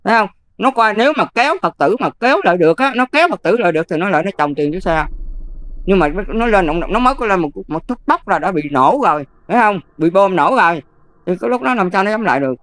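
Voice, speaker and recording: An older Buddhist nun with a Southern Vietnamese accent, talking casually and emphatically, often checking whether the listener follows. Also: female voice, mid-range voice, expressive, fast, a bit bright, no room sound. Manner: emphatic, keeps checking "see?". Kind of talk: casual advice talk.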